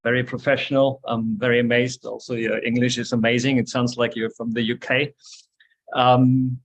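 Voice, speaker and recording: A man with a German accent giving a guest lecture over a video call, relaxed and hesitant, with many fillers and restarts. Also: mid-range voice, moderate pace, poor audio. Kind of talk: online seminar lecture.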